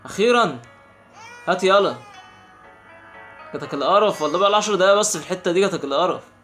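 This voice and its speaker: A man's voice: high-pitched, faint music behind. A young man with an Egyptian Arabic accent giving casual, exasperated commentary while playing a game. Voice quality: quick, animated, exasperated banter. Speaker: gaming channel host.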